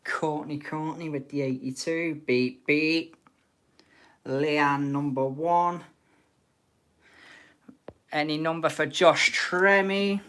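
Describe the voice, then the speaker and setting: Slow-paced British woman hosting casual bingo. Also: low voice, steady tone, a bit bright, clear, resonant tone. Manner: informal, cheeky banter. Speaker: host of an online bingo game. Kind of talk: casual chat, calling out players and numbers.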